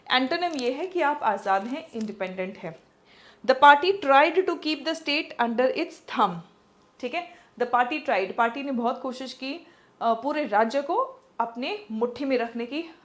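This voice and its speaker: A woman with an Indian accent teaching English vocabulary for exams, explaining patiently in Hindi mixed with English and checking in with "okay?". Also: high-pitched. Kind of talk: exam-prep vocabulary lesson.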